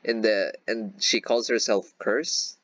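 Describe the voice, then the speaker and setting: A man's voice: fairly low pitch, fairly even intonation, takes it slowly, a bit bright, no room sound, dull audio. A man playing in a tabletop game, talking hesitantly with many fillers and restarts. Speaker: player. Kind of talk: casual tabletop role-play chat.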